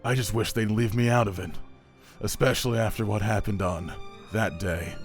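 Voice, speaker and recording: A man playing a jaded plumber turned detective who talks in a deadpan noir-style inner monologue. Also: on the low side, normal speed, faint music behind, natural voice. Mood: brooding. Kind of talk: amateur comedy film dialogue.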